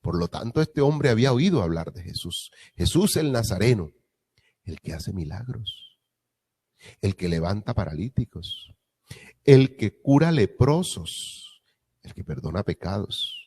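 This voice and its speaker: A man's voice: lowish voice, very animated, unhurried, darkish tone, breathy edge. A man preaching a reflective meditation on a gospel reading, asking rhetorical questions and repeating key phrases.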